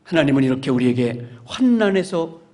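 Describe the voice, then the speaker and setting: High-voiced man preaching a lively sermon. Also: brisk. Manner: animated storytelling, swelling into emphatic exhortation. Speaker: pastor. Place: church sanctuary.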